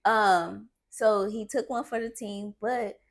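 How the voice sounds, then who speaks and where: A woman's voice: mid-range voice, steady tone, slow pace. A woman hosting a podcast, chatting casually with a teasing, giggly manner. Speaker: podcast host. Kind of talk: casual chat.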